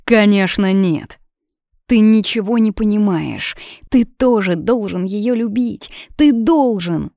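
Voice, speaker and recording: Impulsive young heroine, read by a woman narrator, low and a little gravelly, pleading. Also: a little slow, a little mellow, no echo, studio quality. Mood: insistent. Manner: pleading, breaking voice.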